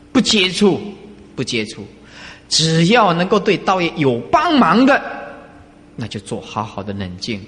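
A man giving a casual dharma talk as a Buddhist master, conversational and animated, often asking his listeners rhetorical questions. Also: sits high. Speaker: Buddhist master teaching disciples. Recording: reverberant hall.

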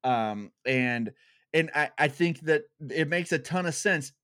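A man's voice: on the high side, lively intonation, a little slow, bright, forceful tone, clear, resonant tone, no room sound, studio quality. A man co-hosting a podcast in casual, eager chat, often laughing as he talks. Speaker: podcast co-host. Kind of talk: casual discussion.

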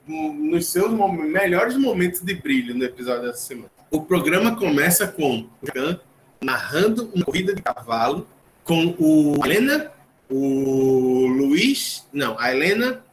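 A man hosting a casual podcast, chatty and joking as he recaps a cooking show. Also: on the high side. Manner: chatty, recaps with jokes and asides. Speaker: podcast host. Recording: roomy echo, faint noise.

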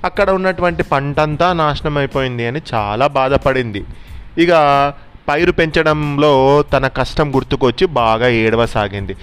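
A man's voice: mid-range voice, moderate pace, clear, resonant tone. A man telling a bedtime story to a child, explaining things patiently as he goes.

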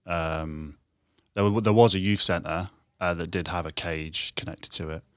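A man's voice: deep voice, steady tone, measured pace, no echo, clean studio sound. A man from Lincolnshire hosting an interview, thinking aloud and checking in with tag questions. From Lincolnshire, England. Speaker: podcast host. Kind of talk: conversational interview.

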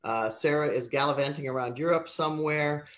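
A man hosting a live online chat, relaxed and full of little fillers. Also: on the high side, fairly quick, reverberant, a little hiss or hum. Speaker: host.

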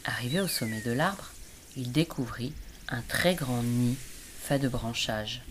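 A woman reading a children's story aloud, gentle and expressive, with birds singing behind her. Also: a bass voice, measured pace, very noisy. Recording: birdsong in background.

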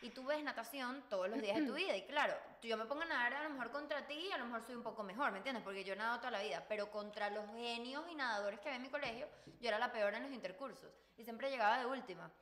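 Young Venezuelan woman for a podcast chat, high and quick, teasing tone. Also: fairly bright tone, echoey room. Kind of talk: casual chat.

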